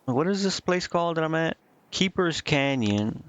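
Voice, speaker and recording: With a slightly high voice and lively intonation, a man speaks at normal speed while streaming a game. He keeps his commentary informal, reads aloud, and often mutters to himself. Game music runs under the muffled, lo-fi recording.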